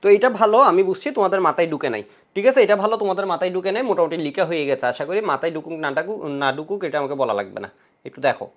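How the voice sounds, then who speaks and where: A man's voice: fairly high pitch, expressive, racing. A man teaching an online chemistry lecture for exam prep, repeating key points again and again to drill his students.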